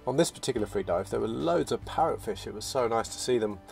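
A man narrating his sailing vlog in a relaxed, reflective voice-over, often restarting his phrases. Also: medium pitch, fast talker, creaky. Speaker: sailing vlogger. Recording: voice-over with loud music behind.

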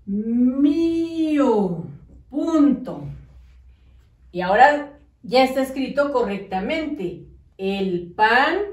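A woman teacher, dictating to young children slowly and patiently, spelling words out syllable by syllable. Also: high voice, a little mellow, recorded from a distance. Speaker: primary school teacher. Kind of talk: slow, patient classroom dictation. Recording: echoey room, voice off-mic.

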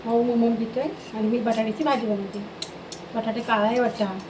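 High-voiced woman vlogging at home. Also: steady tone, a little fast, reverberant, distant mic. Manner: chatty, talks sweetly to her pets. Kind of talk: casual home vlog chat. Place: home kitchen. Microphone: phone camera, self-filmed. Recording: noisy home phone recording.

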